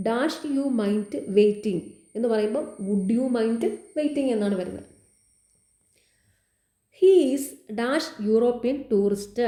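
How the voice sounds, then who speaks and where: A woman's voice: a little high, mellow, echoey room. A woman explaining exam grammar answers as a teacher, repeating key words and asking quiz questions.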